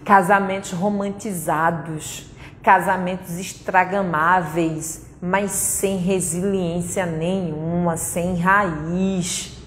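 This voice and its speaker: Slowly and with fairly even intonation, a woman in her thirties speaks in a fairly low voice, her accent Brazilian Portuguese. She is a conference speaker giving a blunt, repetitive, emphatic pep talk, recorded in an echoey conference hall with faint noise.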